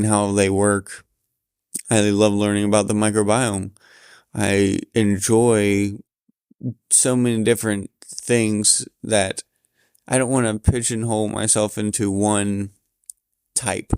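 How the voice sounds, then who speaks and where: Tired, low-key man musing from bed. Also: level tone, a little mellow, clean tone, no room sound, clean studio sound. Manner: tired, halting, reflective. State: sleepy, yawning. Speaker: vlogger recording his thoughts. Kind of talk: candid personal monologue. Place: lying in bed at home.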